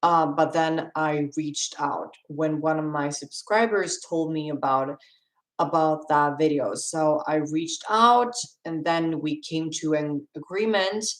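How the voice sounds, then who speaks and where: A young Swedish woman with a low voice chats on a stream and answers viewer questions in a relaxed, rambling way, laughing now and then. She speaks in a Swedish accent at an unhurried pace. Her voice rings a little in an echoey room. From Sweden. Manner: chatty, rambling, laughs often. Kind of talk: casual live-stream Q&A.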